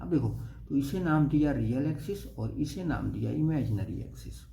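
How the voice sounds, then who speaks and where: Creaky yet mellow, this young man's medium-pitched voice carries lively intonation at a moderate pace as he teaches math step by step. He often checks with "okay?", and the echoey room has faint noise.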